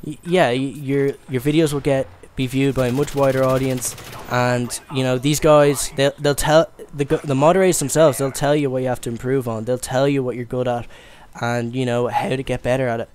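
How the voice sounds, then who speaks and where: A man's voice: mid-range voice, fairly even intonation, fairly quick, hardly any pauses, darkish tone. A young man from Ireland giving casual commentary over gameplay, rambling and stammering with lots of fillers. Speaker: gaming commentator.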